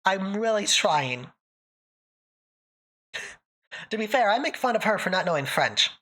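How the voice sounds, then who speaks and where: A woman from northern Canada hosts a casual livestream, answering viewers in a thick accent that sounds put on, joking and laughing often. Her medium-pitched voice is sing-song and fairly bright, and she speaks a little slowly.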